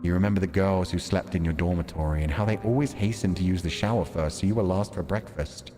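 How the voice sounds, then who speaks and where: A man with a low, dark voice livestreams a visual novel, reading it aloud as dramatic narration and chatting casually about it. When reading, his storytelling is measured and deliberate. Music plays behind him, and the recording has long reverb.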